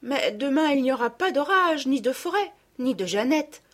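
A woman's voice: sits high, animated, moderate pace, a bit bright, pitched above the performer's own voice. A woman voicing a childish, stubborn little girl in a storybook reading, with a whiny, pleading tone.

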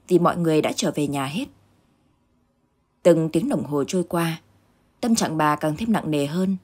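Low-voiced woman reading a ghost story. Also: darkish tone, breathy edge. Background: faint background music.

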